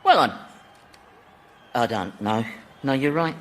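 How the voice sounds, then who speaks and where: A man's voice: mid-range voice, expressive, takes it slowly, fairly bright tone, slight background noise. A man playing Satan as a blasé, chatty, sardonic ruler of Hell in a radio sitcom, offhand and hesitant. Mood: reflective. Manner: offhand, conversational, hesitant, wry.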